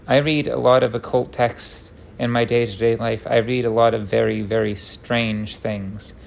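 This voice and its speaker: Gravelly man on a rambling, tangent-filled rant. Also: mid-range voice, level tone, normal speed, a little hiss or hum. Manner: rambling, tangent-prone rant, self-interrupting; wry, self-deprecating humor. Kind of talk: unscripted rambling monologue.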